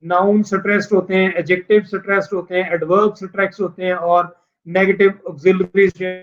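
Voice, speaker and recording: A man teaching a recorded online lecture, explaining steadily, mixing in English terms, with drawn-out "uh" fillers. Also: high-pitched, flat delivery. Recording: dull lo-fi recording.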